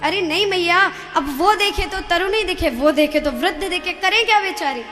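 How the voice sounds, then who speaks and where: A woman's voice: extremely high pitch, moderate pace. A woman doing a jealous, agitated young wife. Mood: upset. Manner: agitated, complaining. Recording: reverberant hall with music.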